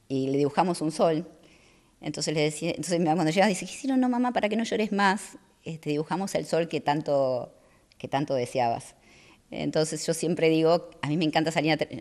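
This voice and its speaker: Woman, middle-aged, soft-spoken, hesitant, casual interview guest. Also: low voice. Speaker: guest athlete.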